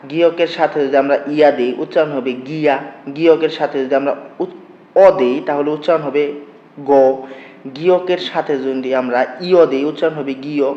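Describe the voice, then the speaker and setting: Patient man teaching Korean. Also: a little high. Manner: patient, asks questions and answers them himself. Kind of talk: classroom-style lesson explaining letters. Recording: echoey room, slightly dull lo-fi sound.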